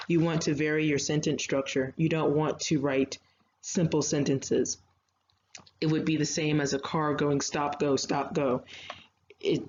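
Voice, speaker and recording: A woman's voice: low-pitched, a little mellow. A woman teacher giving an online writing lecture, explaining grammar step by step with chatty asides and fillers. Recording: slightly dull lo-fi audio, faint noise.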